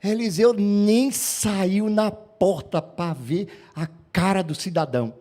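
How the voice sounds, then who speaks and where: A man from Brazil preaching a lively storytelling sermon as pastor in a church, acting out the characters' voices in the story. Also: high voice, takes it slowly.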